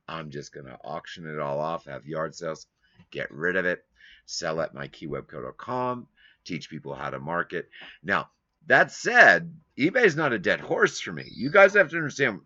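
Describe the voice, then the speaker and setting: A man's voice: a bass voice, gravelly, pushed and bright, no echo, muffled recording. A man hosting his own live stream from a home studio, talking casually and rambling as he grumbles at length.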